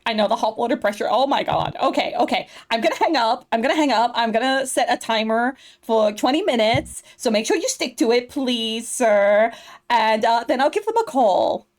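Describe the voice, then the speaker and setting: A woman's voice: a little high, big pitch swings, normal speed. A woman voicing a bubbly young Valley Girl assistant, ditzy and gushing with lots of "like". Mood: eager. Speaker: player character Asha.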